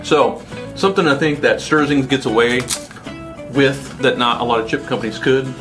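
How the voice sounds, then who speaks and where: A man's voice: medium pitch, moderate pace, music in the background. A man hosting a casual food review chat, conversational and putting questions to his co-host. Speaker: host of a snack review show.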